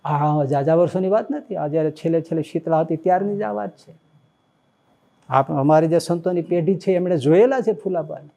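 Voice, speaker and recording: A man, a swami, giving a devotional sermon that he tells as a story, with animated and emotional exclamations. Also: fairly high pitch, a little fast, gravelly. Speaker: swami preaching.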